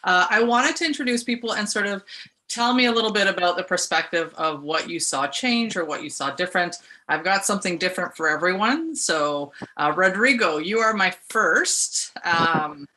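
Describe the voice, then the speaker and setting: A woman's voice: fairly low pitch, lively intonation, moderate pace, pushed and bright. A woman hosting an online meetup over a video call, asking questions in an informal, chatty way. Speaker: host.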